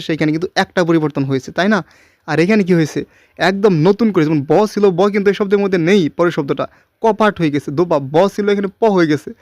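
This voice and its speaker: A man's voice: high-pitched, a little mellow, no room sound, studio quality. A male teacher giving a grammar lesson, explaining rules and often asking listeners if they follow. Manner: explanatory, keeps asking listeners checking questions.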